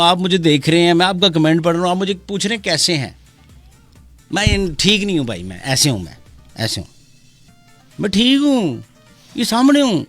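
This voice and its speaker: A man hosts a live radio show from a studio, chatting playfully as he takes calls and reads messages, often breaking into bits of song. His voice is high and a bit bright, with no room sound.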